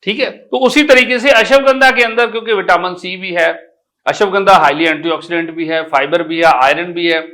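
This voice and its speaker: A middle-aged man, an Ayurvedic doctor explaining health advice in an animated, explanatory way. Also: high-pitched, moderate pace. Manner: animated, explanatory, with homely personification.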